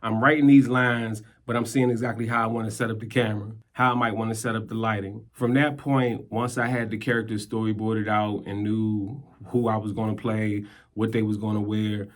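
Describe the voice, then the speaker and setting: A man's voice: on the low side, level tone, fairly quick. A man, a skit creator and rapper, telling a casual story in a laid-back, slangy way. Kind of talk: casual talking-head storytelling.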